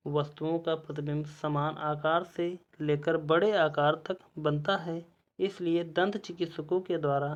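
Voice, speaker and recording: A man teaches an exam-prep lesson and reads each quiz question and its options in turn. His delivery is slow and measured. The recording sounds dull and lo-fi. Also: a little high.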